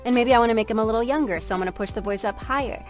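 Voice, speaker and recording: A woman's voice: on the high side, racing, faint music behind. A woman voice actor explaining a voice technique step by step as she demonstrates it. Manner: explains step by step while trying out sounds. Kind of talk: instructional demo.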